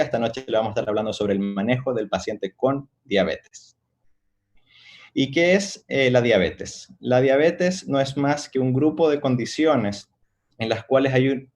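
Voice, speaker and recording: A middle-aged man from Chile, a doctor giving an online medical lecture in a measured, explanatory way with frequent hesitations. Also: on the low side, a little mellow. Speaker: doctor, endocrinologist.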